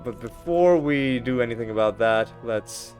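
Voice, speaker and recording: A man's voice: mid-range voice, normal speed, darkish tone, soft background music. Man with wry, rambling gameplay commentary. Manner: wry, rambling, self-correcting asides. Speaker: let's play host.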